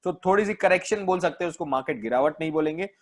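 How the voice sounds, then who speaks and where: A man's voice: a little high, fast. An Indian man hosting a stock market video, talking casually through charts in Hindi sprinkled with English terms, with many fillers and self-corrections. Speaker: host, stock market analyst. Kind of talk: casual market analysis, screen walkthrough.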